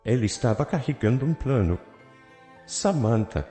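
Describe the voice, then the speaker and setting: A man giving a measured, scripted first-person narration of a story. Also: medium pitch, big pitch swings. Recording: roomy reverb with soft guitar music. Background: soft guitar music.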